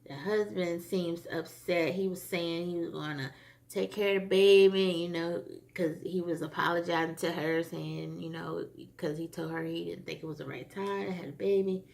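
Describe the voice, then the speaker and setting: A woman's voice: on the low side, fairly even intonation, normal speed, gravelly, a little mellow. A woman casually recapping a TV episode for her channel, chatty and rambling, with frequent fillers. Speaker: TV episode reviewer.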